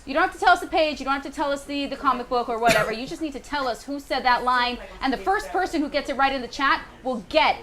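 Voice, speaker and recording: A woman's voice: sits high, fast talker, hardly any pauses, fairly bright tone. A woman hosting a live web show, upbeat and cueing the crew as she runs the segment. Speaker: host.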